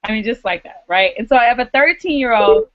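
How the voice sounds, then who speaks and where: A woman's voice: a little high, expressive, no echo. Upbeat woman hosting a web call. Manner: upbeat, encouraging, quick asides. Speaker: host of an online video hangout. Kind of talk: casual live video call chat. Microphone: video call. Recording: dull lo-fi web call audio.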